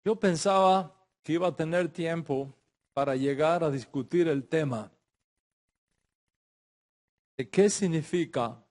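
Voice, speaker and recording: A man's voice: on the high side, takes it slowly, long pauses, a little mellow. A middle-aged man teaching a religious class, emphatic, repeating phrases and restarting his sentences. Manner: speaks in Spanish with Hebrew religious terms.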